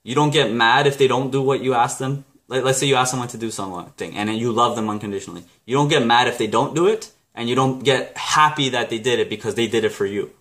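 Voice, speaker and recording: A man's voice: medium pitch, fast, hardly any pauses, fairly bright tone. Rambling Canadian man explaining a book. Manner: rambling, self-correcting, with laughs and asides. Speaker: book review vlogger. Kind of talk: casual explanatory vlog.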